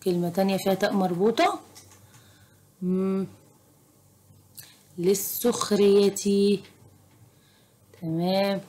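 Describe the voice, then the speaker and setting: A woman's voice: mid-range voice, a little mellow. Patient Egyptian woman tutoring children. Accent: Egyptian Arabic. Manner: slow, patient, encouraging teacher tone. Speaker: private tutor. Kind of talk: teaching a children's Arabic lesson.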